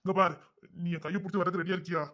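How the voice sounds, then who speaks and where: A man's voice: sits high, fairly even intonation, very fast, bright, forceful tone. An actor playing a restless young man in love, fretting aloud and pleading to elope in an audio drama. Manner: fretful rambling inner monologue, then pleading.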